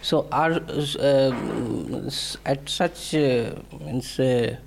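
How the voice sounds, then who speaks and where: Indian-accented discussion guest, medium pitch, very halting delivery, feeling for each phrase. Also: creaky, slight background noise. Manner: hesitant, halting, searching for words. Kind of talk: conversational political panel discussion.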